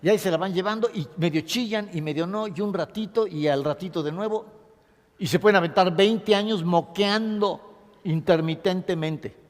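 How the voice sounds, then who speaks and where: A male lecturer whose voice sits higher than most men's talks about grief in a classroom, with a long hall reverb trailing his words. His delivery is expressive: he mimics sobbing and stops to dictate points to write down.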